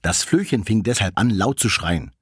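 Fairy-tale narrator, lively, breathy, dry close sound. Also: sits low, normal speed, no room sound.

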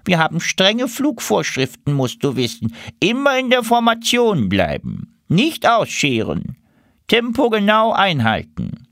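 Man voices a high, officious male duck leader who snaps out flight rules. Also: huge pitch swings, a bit bright, no echo, studio quality, heavily acted. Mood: bossy. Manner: high, brisk, commanding.

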